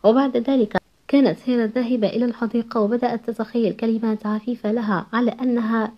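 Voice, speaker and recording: Woman narrator, rapid series recap, slightly high voice, dull lo-fi recording. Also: steady tone. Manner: rapid storytelling that reads out all the dialogue. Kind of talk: retelling a TV series episode.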